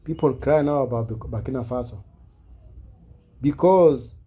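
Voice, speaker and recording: In a mellow, husky voice of medium pitch and measured pace, a man delivers an impassioned personal address to camera in English. He speaks earnestly with a preaching cadence, repeating phrases and using non-native grammar.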